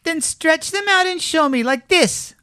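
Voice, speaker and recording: High-pitched, brash wild rabbit. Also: unhurried, no echo, studio quality, full character voice. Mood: demanding. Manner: taunting, excitable exclamations. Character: brash, mocking young wild rabbit, male. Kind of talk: children's storybook character voice.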